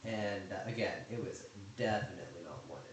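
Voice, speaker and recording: A man's voice: deep voice, a little fast. A man casually telling a rambling story about his game server, chatty and full of sarcastic asides. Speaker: YouTuber recounting server drama. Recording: very echoey room, faint noise.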